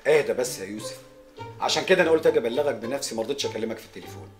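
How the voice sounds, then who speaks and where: A worried relative, played by an actor in an Egyptian film drama, trying to calm things down. He talks very fast in a mid-pitched voice. Soft music plays behind him. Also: close to an everyday voice. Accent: Egyptian Arabic. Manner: pleading, calming. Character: calm worried relative bringing bad news.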